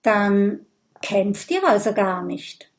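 A woman's voice: medium pitch, big pitch swings, slow. A woman voicing a small, friendly male fire dragon in a children's story. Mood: eager.

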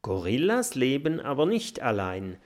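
A man voicing a clever, cautious young girl who talks in a hushed, knowing way, in a storybook reading. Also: mid-range voice, wildly swooping pitch, unhurried, voice pushed up. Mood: explaining.

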